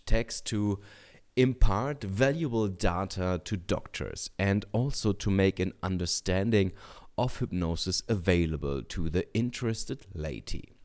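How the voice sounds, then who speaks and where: A man reading a book aloud in a deliberate, measured way, adding short comments as a teacher. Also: deep voice, a little mellow. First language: German.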